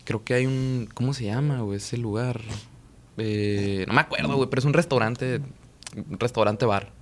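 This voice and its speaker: A man's voice: medium pitch, normal speed, a little hiss or hum. Slangy young Mexican man telling a story. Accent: Mexican Spanish. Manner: slangy, profane, rambling, quotes himself and others. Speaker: podcast co-host. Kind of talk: casual storytelling chat.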